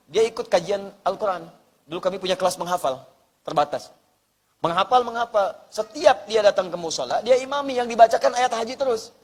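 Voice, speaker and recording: Male preacher, high voice, emphatic repetition, reverberant hall. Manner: repeats words for emphasis, tells stories with quoted dialogue. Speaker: Islamic preacher. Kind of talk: sermon on preparing for hajj.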